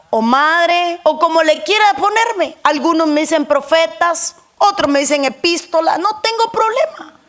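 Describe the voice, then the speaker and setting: A woman's voice: sits high, a bit bright. A woman pastor preaching a sermon, repeating phrases for emphasis and putting questions to the congregation.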